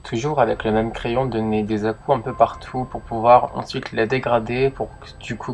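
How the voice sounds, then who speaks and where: A young male makeup vlogger, congested with a head cold, walks through a casual makeup tutorial, sounding hesitant and using lots of fillers. His voice sits on the low side, with slight background noise.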